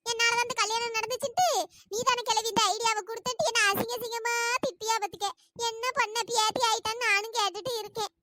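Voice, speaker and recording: A woman's voice: very high-pitched, little pitch movement, fast, sharp tone. A woman voicing a self-pitying old grandmother in a comic skit, with a whiny, complaining manner. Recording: noisy home recording.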